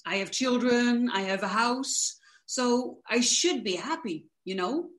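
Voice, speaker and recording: In a casual interview, a Dutch coach explains her work fluently and enthusiastically. Her voice sits fairly high, and she speaks animatedly but a little slowly.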